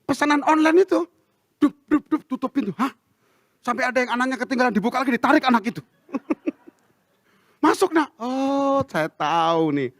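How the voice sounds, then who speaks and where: Male pastor with an Indonesian accent, high and very lively voice, dry close sound, acts out the dialogue. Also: moderate pace, long pauses, dry recording. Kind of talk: sermon storytelling. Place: church.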